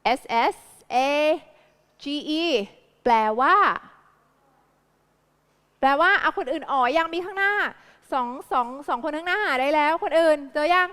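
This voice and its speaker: High-voiced Thai woman quizzing a class. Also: long reverb tail. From Thailand. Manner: lively, quizzing students with quick repeated questions. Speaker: English tutor. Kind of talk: live classroom lesson.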